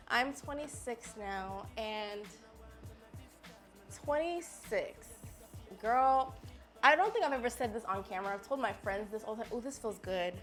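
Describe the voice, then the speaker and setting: Sassy chatty woman in her twenties. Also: medium pitch. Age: 20s. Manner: chatty, sassy, talks straight to viewers. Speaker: beauty vlogger. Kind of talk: casual makeup haul chat.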